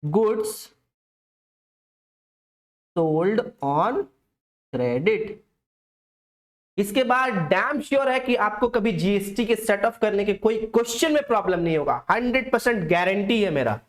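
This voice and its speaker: A young male accounts teacher with a high-sitting voice gives a casual, coaxing lecture, speaking slowly and animatedly with long pauses. He talks straight to his students, repeatedly quizzing the class aloud and then supplying the answers himself.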